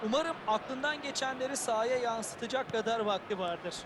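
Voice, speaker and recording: A man's voice: very high-pitched, lively intonation, moderate pace. A man as a chatty football pundit in a video game, giving wry, conversational analysis. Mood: engaged, analytical. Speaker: football co-commentator. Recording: stadium noise behind.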